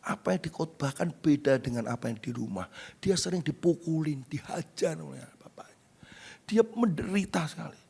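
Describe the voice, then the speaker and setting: Animated high-voiced preaching man. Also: moderate pace, creaky, slightly rough. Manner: animated preaching, swings from loud to hushed; asks the congregation questions. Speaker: pastor. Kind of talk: sermon. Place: church.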